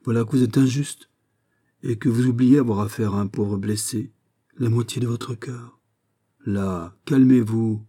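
A man's voice: mid-range voice, steady tone, a little slow, warm tone, natural voice. A man voicing a wounded young nobleman in an audiobook, soothing and hesitant with his friend. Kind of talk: audiobook reading.

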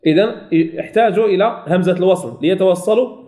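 A sheikh with a high, mellow male voice teaches the rules of Quran recitation in a recorded tajweed lesson. He works through each point step by step, poses questions and answers them himself, and slowly repeats example words as drills.

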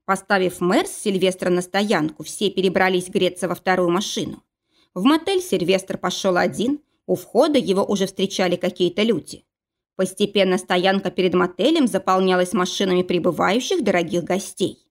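A woman narrating a first-person audiobook in a steady, even reading style. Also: lowish voice, normal speed.

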